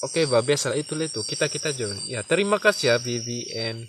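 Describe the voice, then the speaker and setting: A man's voice: mid-range voice, animated, fairly quick. A man with a Sabah Malay accent chatting casually to his livestream viewers, stammering and repeating himself in a self-mocking way. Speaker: livestream host. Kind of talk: casual live-stream chat. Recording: noisy night recording with crickets. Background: crickets and insects chirping.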